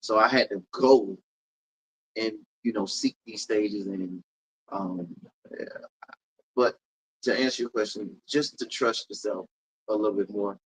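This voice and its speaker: A man's voice: fairly low pitch, measured pace, long pauses, husky, rough recording. A man from Florida who works as a comedian and event host, talking casually in an interview with emphatic, riffing storytelling. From Polk County, Florida. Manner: animated, emphatic storytelling with repeated riffs.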